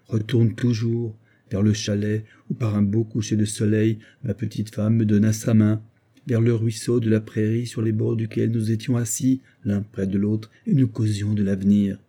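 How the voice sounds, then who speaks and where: A man's voice: dark tone, breathy edge. A man voicing an anguished young widower, haunted by his dead wife and pleading emotionally. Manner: pleading, emotional, rising in pitch.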